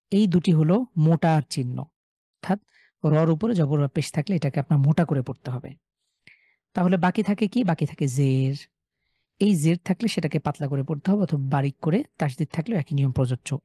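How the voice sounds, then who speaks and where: A man with a Bangladeshi Bengali accent teaches a live online recitation class. His voice is mellow and his delivery patient: he drills each word slowly and keeps checking in with his students. The sound is close and dry. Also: fairly high pitch, slightly rough, no room sound. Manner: patient, repeats and drills words slowly, asks the class "ঠিক আছে?".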